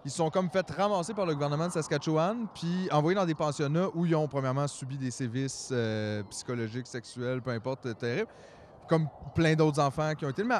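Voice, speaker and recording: A man's voice: fairly high pitch, slight background noise. A Québécois man in his forties, a podcast co-host telling a long story in an earnest, rambling way in casual chat. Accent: Québécois French. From Quebec, Canada. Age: 40s.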